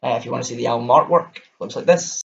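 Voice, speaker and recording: Through a muffled recording, a young music vlogger from Scotland talks quickly in a mid-range voice with vocal fry. He has a Scottish accent and rambles enthusiastically through a casual album review to camera.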